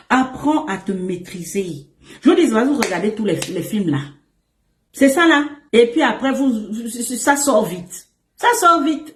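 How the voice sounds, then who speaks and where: Woman, relationship coach, casual advice monologue; emphatic, repetitive, playful; echoey room sound. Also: medium pitch. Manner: emphatic and repetitive, calls listeners "my emperor"; animated and playful, with asides and laughs.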